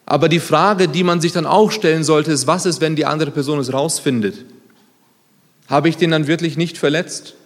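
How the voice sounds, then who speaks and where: A man in his thirties preaching a sermon, lively and conversational, swinging between loud emphatic lines and quiet, low asides. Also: normal speed. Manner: conversational, self-deprecating asides. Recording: long hall reverb.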